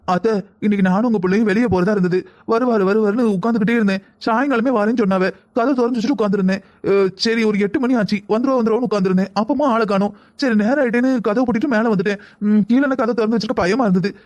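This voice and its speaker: A man's voice: sits high, darkish tone, lightly acted. A man voicing a worried, reproachful young wife in a cartoon, speaking with a southern Tamil accent. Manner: pleading, scolding, quick. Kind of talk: cartoon voice acting.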